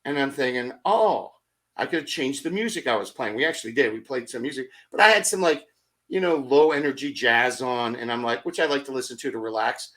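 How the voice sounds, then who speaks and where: A middle-aged man on a motivational podcast, telling energetic stories full of rhetorical questions and acted-out asides. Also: medium pitch, fast. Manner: acts out his own thoughts in quoted asides. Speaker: podcast guest.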